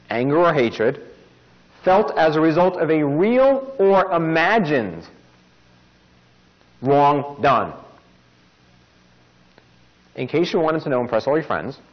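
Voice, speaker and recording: Lively wry man. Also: on the high side. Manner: wry jokey asides, lively delivery. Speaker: podcast host. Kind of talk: informal self-help talk. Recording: dull lo-fi recording.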